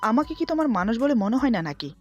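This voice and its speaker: A woman's voice: fairly high pitch, very animated, quick pace, a little mellow, dull audio, faint music behind. A woman reading the part of a fiery, defiant young bride in a story. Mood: angry.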